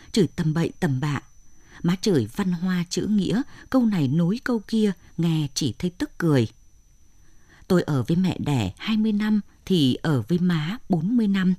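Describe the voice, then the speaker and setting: A woman, narrating a story in a plain, steady way. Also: lowish voice, no echo, studio quality. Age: 60s. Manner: plain, steady telling with lists of short phrases.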